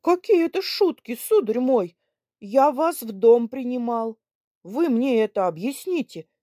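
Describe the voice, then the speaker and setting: A woman's voice: fairly high pitch, lively intonation, a little slow, dry recording, studio quality, voice pushed up. A woman playing a bellowing old army man. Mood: angry. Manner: loud, indignant, bellowing. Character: gruff old retired army man, hot-tempered.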